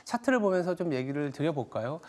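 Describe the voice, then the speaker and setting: A man hosting a TV stock market segment, explaining market moves in a measured way with small fillers. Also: a little high, very animated, darkish tone. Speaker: TV stock market show host. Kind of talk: broadcast market commentary and interview.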